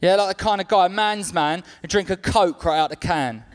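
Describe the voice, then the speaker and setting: A man's voice: high voice, a little fast. A man with a South London accent doing live stand-up comedy, chatty and cheeky with the audience in slangy speech.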